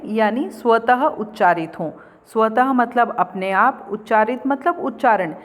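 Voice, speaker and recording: A woman's voice: a little high, big-room sound. A woman teaching an online Hindi grammar lesson, explaining patiently and checking in often. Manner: slow, patient explaining with repeated "theek hai".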